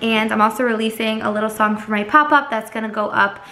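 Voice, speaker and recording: A woman's voice: a little high, fairly even intonation, fast talker. A woman in her twenties, a student teacher, talking casually to her camera at home in an upbeat, chatty way, often saying "like". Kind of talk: casual vlog talk to camera.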